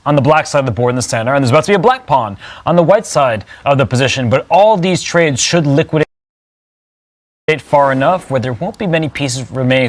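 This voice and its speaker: Man explaining chess positions live. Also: mid-range voice. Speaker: chess commentator.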